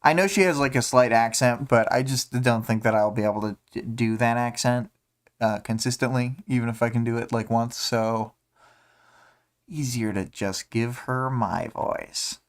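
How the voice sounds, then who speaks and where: A man's voice: mid-range voice, moderate pace. A man hosting a casual livestream, talking through a story chapter and thinking aloud with many fillers and restarts. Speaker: livestream host discussing a web serial.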